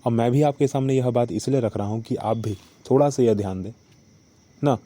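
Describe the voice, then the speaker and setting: Speaking fairly quickly, this warm-toned man hosts his own podcast, and his pitch sits in the middle range. His casual storytelling is thoughtful and dotted with check-ins such as "okay" and "right," and he restates ideas using "ठीक है" and "ना."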